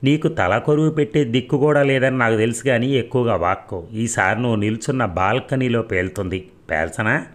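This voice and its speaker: Young male avenger, coldly calm and taunting, narrator-voiced. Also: mid-range voice, fairly quick, close to an everyday voice. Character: young vengeful hero, cool and taunting.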